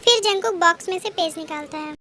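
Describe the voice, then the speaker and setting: High-voiced woman narrating a fan drama. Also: a little fast, pushed and bright. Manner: plain storytelling asides.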